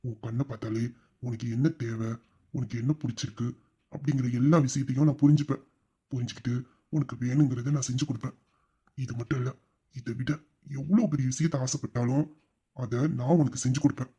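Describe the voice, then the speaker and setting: A man voicing a doting young husband in a romantic audio drama, swinging from playful bluster to soft tenderness. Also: fairly high pitch, normal speed, long pauses. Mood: tender. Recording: dull, lo-fi recording.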